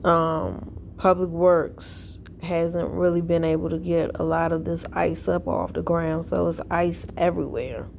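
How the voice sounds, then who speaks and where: Sleepy lady talking real slow at home, kinda low voice, bit of background hum. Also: flat delivery, vocal fry, darkish tone. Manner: tired, yawning, rambling storytelling. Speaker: vlogger. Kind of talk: casual chat to camera. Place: at home indoors.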